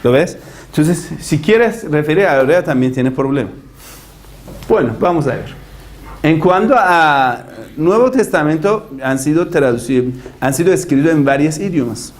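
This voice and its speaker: A man's voice: on the high side, lively intonation, moderate pace. A man teaching a religion class, arguing animatedly and asking rhetorical questions. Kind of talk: lecture.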